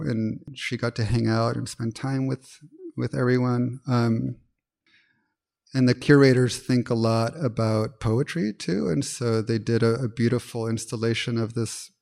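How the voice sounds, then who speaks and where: A man in conversation, thinking aloud as he goes. His voice sits at an ordinary middle pitch, and he circles back on his phrases while he works toward an idea. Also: vocal fry, darkish tone. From Peru. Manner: thoughtful, searching, many restarts and fillers. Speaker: poet, interview guest. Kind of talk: reflective conversational talk.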